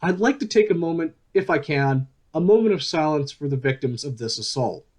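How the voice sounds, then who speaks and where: For a radio play, a probing male news podcast host presents in a polished, earnest, deliberate manner. His fairly high voice moves with lively intonation, and the mood is grave.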